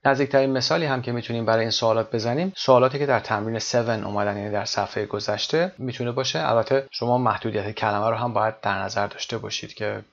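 A man teaching English exam reading, reading English phrases slowly and then explaining them. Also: medium pitch, creaky. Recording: dull lo-fi recording.

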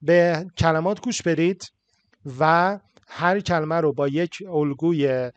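A man from Iran, a Persian native speaker, teaches English in a steady, fairly high voice with no echo. His lesson switches between explanations in Persian and slow English reading.

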